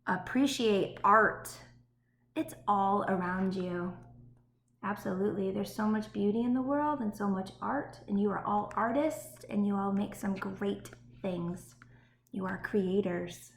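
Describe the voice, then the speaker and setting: This medium-pitched, creaky female voice moves at an unhurried pace. Speaking as an elementary school teacher, she reads aloud to young children and chats with them, encouraging them and checking in with small questions. The recording has a roomy echo and faint background noise.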